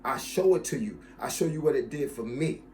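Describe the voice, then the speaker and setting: A fitness coach in his fifties talks straight to his viewers in a steady, mid-pitched voice. He hammers home each point by saying it again, with an easy, casual warmth toward his audience. A faint hiss sits under the recording. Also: fairly quick. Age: 50s. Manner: emphatic, repeats key phrases, addresses viewers as y'all. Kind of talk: casual talk to camera about his channel.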